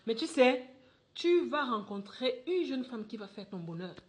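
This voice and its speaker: An actress playing a mother gently comforting her widowed son, in melodramatic film acting. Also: on the high side, very animated, normal speed. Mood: gentle soothing. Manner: gentle, soothing. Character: tender mother, soothing and hopeful.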